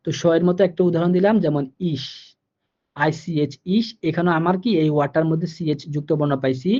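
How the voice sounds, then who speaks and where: A man's voice: fairly high pitch, fairly even intonation, quick pace, dark tone. A man with a Bangladeshi Bengali accent teaching German pronunciation, patiently repeating each rule and checking that his students follow. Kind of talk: online language lesson. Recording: dull, muffled lo-fi recording.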